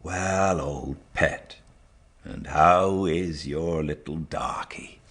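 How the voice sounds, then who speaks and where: A man's voice: extremely low pitch, fairly bright tone, exaggerated voice. A man voicing a kind but firm farm master in a storybook, speaking plainly. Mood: kindly, soft. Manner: plain-spoken, firm, slow. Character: kind farm master, stern when angered. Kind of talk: storybook character reading.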